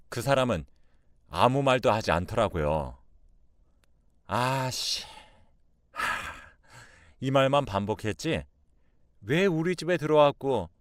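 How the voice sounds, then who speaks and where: A man in his thirties narrating a first-person radio drama story, calm in the telling and shouting at the tense moments. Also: medium pitch, smooth, no echo, studio quality.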